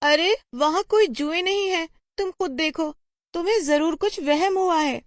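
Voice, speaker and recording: A woman's voice: very high voice, a little slow, dry recording, studio quality, pitched above the performer's own voice. A woman voicing a worried mother in a storybook tale, fussing anxiously over her daughter. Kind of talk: storybook voice acting.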